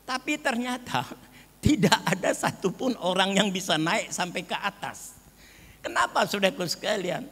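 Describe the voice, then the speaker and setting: An older man preaching a sermon to his congregation, calling them brothers and sisters and drawing out key words slowly. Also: high voice, bright, forceful tone. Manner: slow, drawn-out emphasis on key words. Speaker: pastor. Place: church hall. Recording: reverberant church hall.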